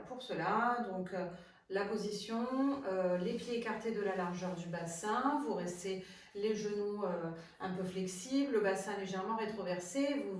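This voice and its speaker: A woman sophrology coach giving a chatty, hesitant instructional talk to viewers. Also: mid-range voice. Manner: chatty and hesitant, many fillers and restarts. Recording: very echoey room, far from the mic.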